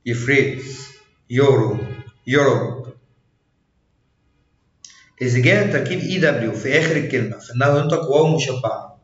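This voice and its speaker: A man with an Egyptian Arabic accent giving an English pronunciation lesson, saying each example word slowly and then repeating the list. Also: mid-range voice, lively intonation, a bit bright, reverberant, dull audio.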